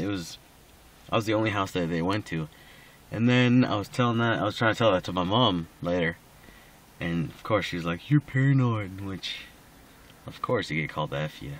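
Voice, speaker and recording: Drunk, slurry, rambling man with a low voice. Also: a bit bright. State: drunk, slightly slurred speech. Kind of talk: casual rambling personal recording.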